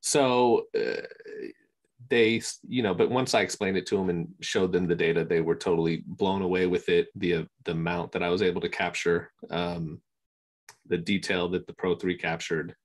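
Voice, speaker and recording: A man talks in a low, deep voice over a video call. He rambles in a relaxed, casual way, filling his speech with ums and you knows. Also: normal speed. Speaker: interview guest, scanning service provider. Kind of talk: casual conversation.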